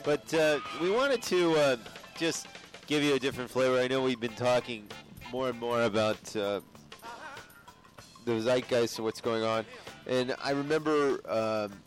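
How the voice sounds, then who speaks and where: A man's voice: medium pitch, measured pace, faint music behind. A man hosting community radio, talking in a loose, rambling way with fillers. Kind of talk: casual radio chat.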